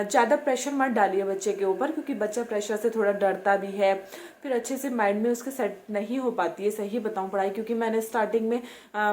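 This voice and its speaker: A young woman tutor casually explaining how to teach children reading, slowly sounding out English words letter by letter, with many fillers and repetitions. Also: mid-range voice, darkish tone. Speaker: home tutor.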